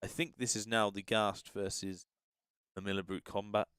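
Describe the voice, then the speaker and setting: A man with a smooth, clear voice hosts a tabletop gaming livestream in a dry-sounding space. He comments casually and haltingly, thinking out loud as he goes. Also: lowish voice, flat delivery, no echo.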